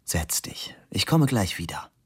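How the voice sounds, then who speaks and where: Ein Mann, der in einer Hörbuchlesung eine freche, verführerische blonde Frau spricht, die neckt und teils flüstert. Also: male voice, on the low side, big pitch swings, a little slow, husky, full character voice. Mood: teasing. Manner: teasing, bold, partly whispered. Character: brash flirtatious blonde woman.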